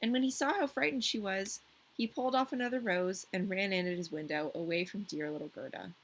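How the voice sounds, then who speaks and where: A storyteller and podcast host reads a scripted fairy tale, breaking off for casual asides and staying informal and playful with her listener. She has a mid-range voice and speaks fairly quickly.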